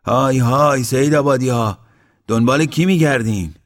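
A man voicing an old village man who speaks loudly and bluntly in plain rural talk. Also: lowish voice. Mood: calling, blunt. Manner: loud, calling out, plain rural speech.

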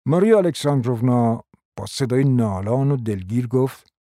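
Man, narrator, measured literary narration, mid-pitched, dry close recording. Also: expressive, mellow, no echo. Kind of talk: scripted narration.

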